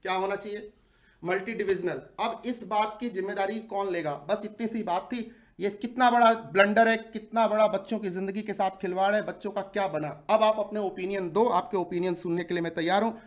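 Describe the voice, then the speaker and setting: A man's voice: sits high, steady tone, fairly quick. Fired-up 40ish teacher guy ranting to his viewers, keeps throwing questions at them. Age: 40s. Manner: indignant, rhetorical questions to viewers. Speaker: exam-prep teacher. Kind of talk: impassioned video address.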